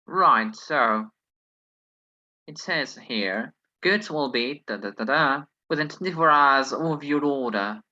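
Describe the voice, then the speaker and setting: A man's voice: mid-range voice, animated, takes it slowly, sharp tone, muffled recording. A man who is not a native English speaker teaches an online lesson, reasoning hesitantly through exercises with many fillers. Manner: hesitant, thinks aloud, many "well"s.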